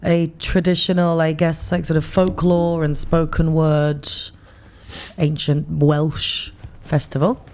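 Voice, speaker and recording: A woman's voice: low-pitched, little pitch movement, slow, a little mellow. A woman co-hosting a podcast, chatting casually with a dry, teasing manner. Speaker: podcast co-host. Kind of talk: casual chat.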